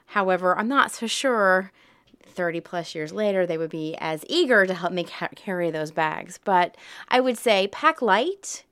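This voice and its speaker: A woman in her forties with a Southern US twang talks openly in an interview about her time abroad. Her voice is smooth and resonant and sits slightly low, and she laughs easily between her lines. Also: animated, a little slow, a bit bright. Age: 40s. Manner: chatty, laughs often, candid. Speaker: interviewee, high school math teacher. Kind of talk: casual interview.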